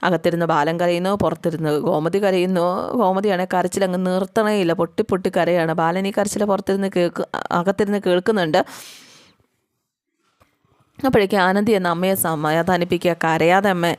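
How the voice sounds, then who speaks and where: A woman casually retelling a TV serial episode in an animated, chatty way, full of little fillers. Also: on the low side, fairly quick, clean tone, no echo, clean studio sound. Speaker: storyteller recapping a TV serial.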